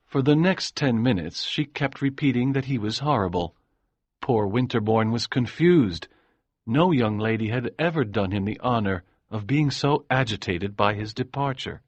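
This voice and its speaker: A man narrating an audiobook in a calm, measured way. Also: medium pitch, no echo, muffled recording.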